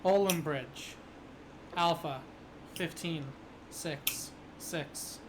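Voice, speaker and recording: A game master voicing a robotic numbers-station broadcast on a radio, reading code words and numbers in a flat monotone. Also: medium pitch, very slow, crowd noise.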